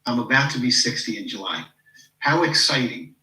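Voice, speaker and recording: A coach in his fifties, guesting on a podcast, speaks at normal speed in an animated, mid-range voice with a sharp tone. The low-quality recording is reverberant and far from the mic, and in this casual interview he reflects on personal stories, leans on "you know," and acts out people he quotes.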